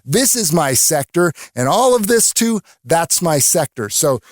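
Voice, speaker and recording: A man playing an older, higher-ranking male officer who briskly gives orders to a junior. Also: big pitch swings, no echo, clean studio sound. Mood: bossy.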